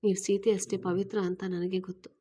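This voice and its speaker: A woman voicing an earnest man in his thirties who gently and eagerly asks a woman to marry him, in a read-aloud story. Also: medium pitch, little pitch movement, a little fast, breathy edge, lightly acted.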